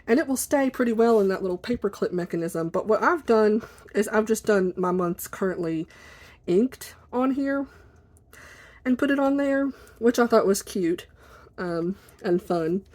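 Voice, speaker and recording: A woman chatting casually and informally at her desk for a video, in an apologetic, rambling way, with a squeaky chair that may creak behind her. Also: lively intonation, moderate pace, a little mellow. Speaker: video blogger. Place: at a desk indoors.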